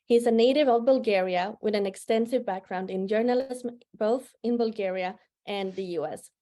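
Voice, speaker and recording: A woman with a fairly high, mellow voice reads a prepared welcome address. Her delivery is formal and steady, with each sponsor and introduction set out in order. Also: moderate pace. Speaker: museum associate director, event presenter.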